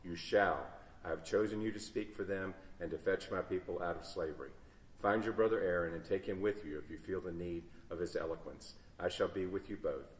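A man's voice: low voice, brisk, lightly acted. A man reading aloud voices God speaking from a burning bush, solemn and commanding, in an echoey church from a distant mic.

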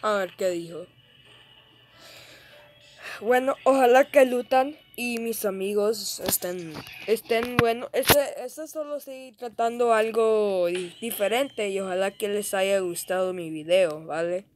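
A woman giving casual, excitable gameplay commentary, shrieking and laughing at in-game deaths and dropping English exclamations into her talk. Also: medium pitch, measured pace, slight background noise. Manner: code-switches with English exclamations. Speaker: gaming video creator.

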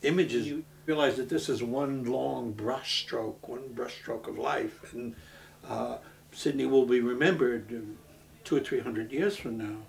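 A man, from Brooklyn, speaking earnestly in a documentary interview, halting with many restarts. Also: medium pitch, vocal fry. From Brooklyn, New York. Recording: voice from a distance off the mic.

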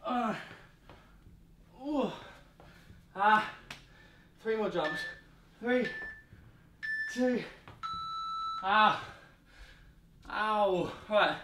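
Breathless, high-pitched man coaching a workout. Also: extremely slow, pauses often. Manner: short barked cues and counting while exercising. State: out of breath from exercise. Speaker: fitness coach leading a workout. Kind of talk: live workout instruction. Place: medium-sized indoor gym studio. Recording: roomy echo, distant mic, faint noise.

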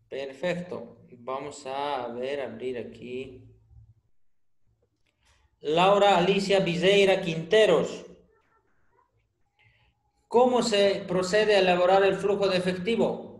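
A man with a high, fairly even voice teaches a finance class online, speaking slowly with long pauses. He quizzes students by name and, when they stay silent, teases them with dry jokes, all in a roomy echo.

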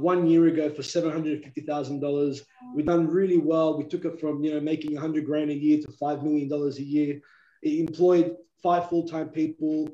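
An Australian business owner in his thirties chats casually on a video call from his office, using lots of ums and gesturing with his hands. His voice sits on the high side with a dark tone, and the webcam audio sounds echoey and muffled.

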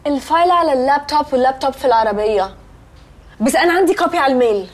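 An actress in a comedy series playing a rich, spoiled, slow-witted young woman with an Egyptian accent who fusses and mixes in English words. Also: high voice, natural voice. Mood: naive, fussy. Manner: fussy, mixes English words, spells letter by letter. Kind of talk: sitcom acting.

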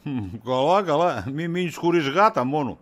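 A man's voice: on the high side, lively intonation, natural voice. A man playing a middle-aged friend in a comedy sketch, teasing in a joking way and cagey when questioned.

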